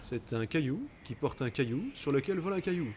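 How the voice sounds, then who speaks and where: A man's voice: on the high side, expressive, a little fast, darkish tone, slight background noise. A man casually commenting on his gameplay, chatty and sweary, full of joking asides. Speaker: let's play gamer.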